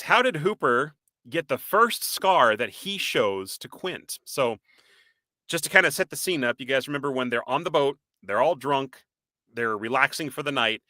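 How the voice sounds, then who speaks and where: A man with a Boston accent co-hosting a live-stream podcast, chatty and animated, reading out viewer comments and quizzing his co-host. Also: medium pitch, no room sound. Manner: animated, reads out viewer comments, laughs often. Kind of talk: casual live-stream chat.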